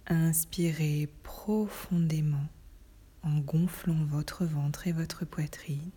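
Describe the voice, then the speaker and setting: A woman whispering a guided relaxation in a soft, breathy, soothing voice, with slow delivery and long pauses. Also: deep voice, fairly even intonation.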